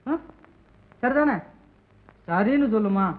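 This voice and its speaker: A man's voice: very high-pitched, expressive, takes it slowly, full character voice. An eager young son coaxes his mother in a cheerful, pleading way. His voice comes through a tinny, phone-narrow old film soundtrack. The delivery is classic 1940s screen acting. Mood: coaxing.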